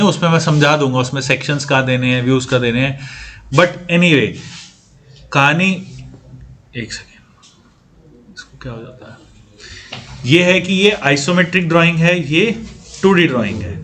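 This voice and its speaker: A man's voice: on the high side, normal speed, pauses often, pushed and bright. A man lecturing a class on engineering drawing, quizzing students and repeating key points. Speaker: CAD training instructor.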